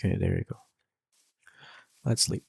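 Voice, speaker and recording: This gaming channel host is a young man with an Indonesian accent who rambles casually during gameplay, full of fillers and restarts. He speaks at a moderate pace, and the clean studio recording has no room sound.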